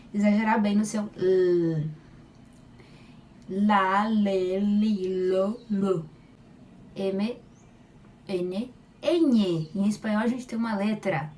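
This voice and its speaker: A woman teaching Spanish pronunciation, modeling each sound slowly and repeating it loudly. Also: medium pitch. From Brazil. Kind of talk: slow, deliberate pronunciation lesson. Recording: voice slightly far from mic, faint room noise.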